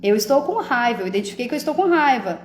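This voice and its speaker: A woman's voice: fairly high pitch, very animated, fast, roomy sound, a little hiss or hum. A woman hosting a live stream, talking casually about emotions and often checking that listeners follow. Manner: conversational, often asks "entende?".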